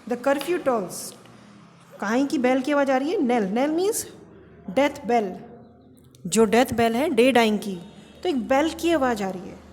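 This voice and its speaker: A woman's voice: on the high side, expressive, moderate pace, a little mellow, big-room sound. A woman lecturer with an Indian English accent explaining to her class in Hindi and English, asking questions and answering them herself. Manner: explains step by step, asks and answers own questions.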